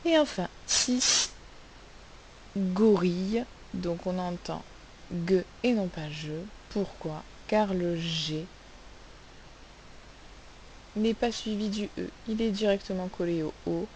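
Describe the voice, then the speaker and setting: A woman teaching a phonics lesson, sounding out letters and syllables slowly and asking the class questions. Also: lowish voice, darkish tone, poor audio. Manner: slow, carefully spelled-out sounds, asks questions. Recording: faint hiss.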